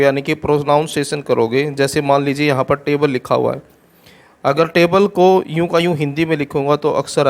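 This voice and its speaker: A man teaches English grammar. He is patient and goes through each rule step by step, over and over. He reads the example sentences out slowly and clearly. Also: a little high. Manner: patient, repeats each rule in simple steps. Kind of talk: explaining an English grammar exercise.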